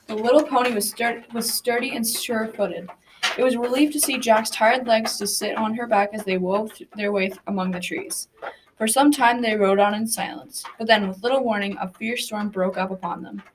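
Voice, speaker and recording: With a fairly high, natural voice and fairly even intonation, a roughly 12- or 13-year-old girl reads at a moderate pace as narrator of a folktale radio drama. She stumbles over words now and then, and the school recording is amateur and noisy.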